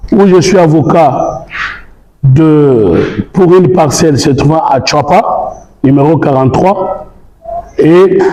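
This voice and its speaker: Congolese lawyer guy arguing his case step by step, dark voice, roomy echo. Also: fairly high pitch. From Congo (DRC). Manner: argumentative, methodical, citing law articles. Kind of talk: formal public statement. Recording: echoey room.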